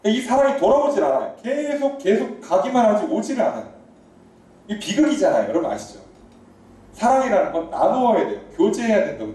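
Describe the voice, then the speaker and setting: Lively preaching man in an echoey church. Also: sits high. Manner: animated, conversational preaching with questions to the congregation. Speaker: pastor. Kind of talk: sermon. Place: church sanctuary. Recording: echoey church hall, voice from far off.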